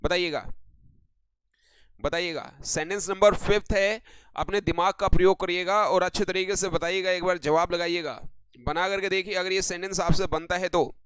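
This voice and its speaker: भारतीय लहजे वाला एक पुरुष अंग्रेज़ी शिक्षक लाइव ऑनलाइन क्लास में व्याकरण समझाता है और दर्शकों को "बेटे" और "भाई" कहकर पुकारता है।. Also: male voice, high-pitched, steady tone, fairly bright tone, clean tone, dry recording. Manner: addresses viewers as beta and bhai, reads sentences slowly. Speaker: English grammar teacher. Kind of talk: live online lesson.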